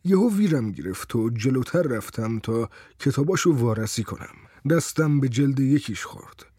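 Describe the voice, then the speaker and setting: A man narrating a first-person story in a calm, wry way. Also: medium pitch, breathy edge, no echo, studio quality.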